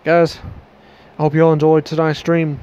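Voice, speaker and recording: A young adult man wearing a headset mic rambles through a casual outro to camera as he wraps up a game stream in his small bedroom, with loose restarts and a Southern "y'all." His voice is fairly high, monotone, mellow and clean at a moderate pace, though the recording is muffled.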